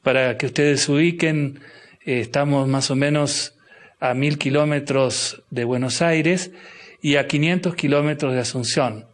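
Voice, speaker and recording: A middle-aged man with an Argentine accent, a bishop answering interview questions slowly and thoughtfully, with many restarts and fillers. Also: on the high side, fairly even intonation. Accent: Argentine Spanish. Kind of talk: interview guest.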